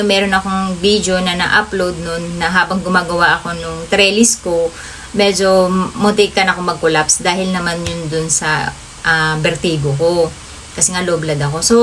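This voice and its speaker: A woman's voice: on the low side, a bit bright, a little hiss or hum, rough recording. A woman telling a personal story to her viewers in a casual vlog, often calling them guys. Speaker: vlogger.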